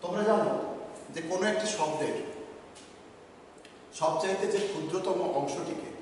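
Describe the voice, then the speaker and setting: A male teacher giving a slow, measured grammar lesson with pauses between words, recorded in an office room. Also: fairly high pitch, a little mellow, slight background noise. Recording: echoey room from far off.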